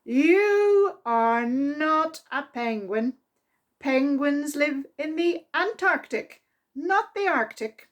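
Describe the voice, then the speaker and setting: A woman voicing a furious wildlife television presenter in a storybook, scolding indignantly with drawn-out emphasis. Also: sits high, lively intonation, heavily acted. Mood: correcting.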